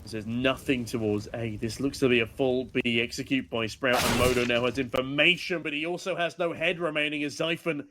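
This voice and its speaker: A man's voice: medium pitch, flat delivery, fairly quick, few pauses, a bit bright. A man working as an esports caster, giving play-by-play commentary on a shooter match. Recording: gunfire and game noise behind. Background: video game gunshots and clicks.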